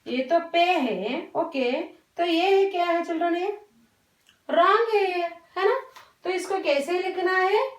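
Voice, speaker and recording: A woman teacher, slowly and patiently explaining vowel signs to young children, often repeating herself and mixing English words into her Hindi. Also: very high-pitched. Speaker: primary school teacher. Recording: roomy echo, voice from a distance.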